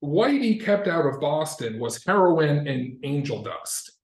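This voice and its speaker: A man from Massachusetts talks through history in a loose, rambling way, correcting himself and dropping wry, profane asides. His voice sits a bit high. The recording carries a roomy echo. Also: big pitch swings, measured pace. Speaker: podcast co-host. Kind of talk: casual conversational explaining.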